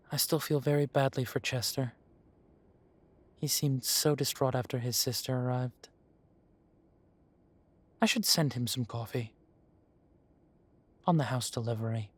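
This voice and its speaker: The mood turns sympathetic and sad as a male actor, playing a kindly café owner in a fantasy town, speaks to the listener in a roleplay audio. His manner stays unhurried, courteous and slightly formal. He has a medium-pitched, fairly bright voice.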